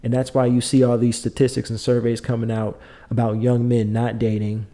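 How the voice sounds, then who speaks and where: A man's voice: medium pitch, monotone, fairly quick, mellow. A middle-aged man hosting a podcast, delivering an opinionated, lecturing monologue with emphatic repetition. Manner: emphatic, lecturing, repeats points. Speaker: podcast host.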